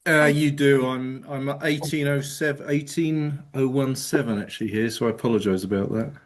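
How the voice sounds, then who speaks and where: A middle-aged man with an English accent, giving a casual presentation to a meeting over a video call and joking about himself. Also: mid-range voice. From England. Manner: casual, quick self-deprecating humor, frequent ums. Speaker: guest presenter.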